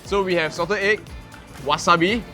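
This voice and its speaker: A man's voice: high voice, moderate pace, bright, forceful tone. A young man with a Singaporean English accent co-hosting a casual food review, upbeat and chatty, often tagging lines with lah and right. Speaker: food show co-host. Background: background music.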